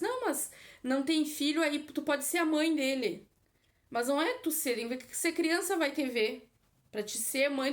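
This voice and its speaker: A woman with a high voice talks straight to her viewers in a casual vlog. She is blunt and repeats herself, tagging her points with little checks for agreement. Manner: blunt, repetitive, frequent filler tags. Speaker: vlogger. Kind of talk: casual opinion monologue to camera.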